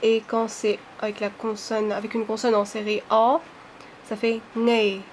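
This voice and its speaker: A woman teaching a language lesson, explaining slowly and carefully with many hesitations and sounding out syllables one by one. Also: mid-range voice, completely flat delivery, slight background noise.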